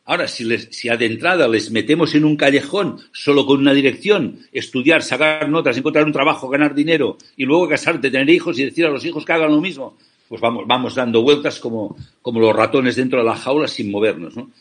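Earnest, persuasive male interviewee from Spain, husky and mid-pitched. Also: a little fast. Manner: passionate, persuasive, rhetorical questions. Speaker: ethical banking founder, interview guest.

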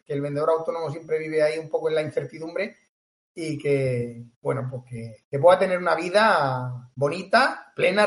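On this podcast interview, a man from Catalonia with a Murcian-flavored Spanish accent speaks as a guest in a higher-leaning voice, and the room echoes. A sales coach by trade, he's emphatic and keeps repeating phrases.

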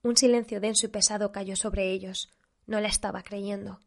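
Woman reading a story out loud, measured and steady. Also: medium pitch, gravelly. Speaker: narrator. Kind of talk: storytelling narration.

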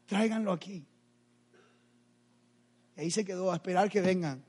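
Husky high-voiced preacher. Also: male voice, racing, darkish tone. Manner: dramatic, acts out Bible scenes, addresses the audience directly. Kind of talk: sermon.

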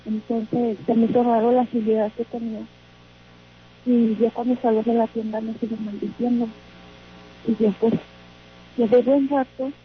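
A woman's voice: fairly high pitch, a little hiss or hum. A woman calling in to tell a frightening story, hesitant and full of fillers, still shaken. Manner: hesitant, many fillers and restarts. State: shaken, trembling. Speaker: caller. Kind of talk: telling a personal story. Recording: tinny phone line.

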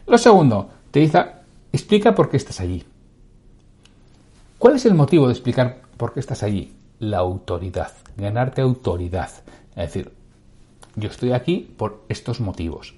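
A man from giving a spoken sales lesson, asking rhetorical questions and answering them himself, and changing his pace and loudness on purpose. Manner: animated, shifts pace, pitch and loudness on purpose. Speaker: sales trainer.

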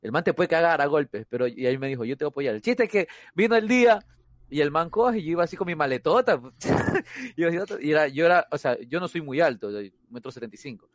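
A man tells a story among friends in casual chat. His voice sits a little high, and the sound is dry and close. He keeps repeating words to hold the floor and laughs between phrases. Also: lively intonation, quick pace, no echo.

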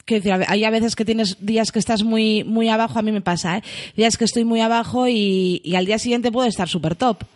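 A woman in her thirties, co-hosting a podcast, talking in an energetic, chatty way and acting out bits of dialogue. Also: fairly high pitch, fast. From Spain. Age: 30s. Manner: energetic, talkative, acts out dialogue. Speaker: podcast co-host, fashion designer. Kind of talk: casual chat.

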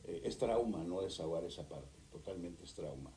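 A man's voice: low voice, roomy sound, a little hiss or hum, low-quality recording. A man, a therapist and author talking animatedly as a guest in an interview. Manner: animated, acts out couples in quick voices. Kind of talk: conversational interview.

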